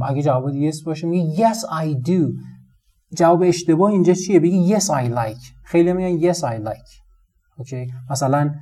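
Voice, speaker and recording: A man teaching English in a casual spoken lesson, chatting through everyday examples and saying English phrases slowly with a Persian accent. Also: a little high, mellow.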